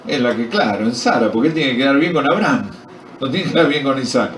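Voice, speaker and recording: Talking fast and animatedly at medium pitch, the Argentine Spanish-accented pastor quizzes the men at his retreat and jokes through the story. The sound is of an echoey meeting hall captured from a distance.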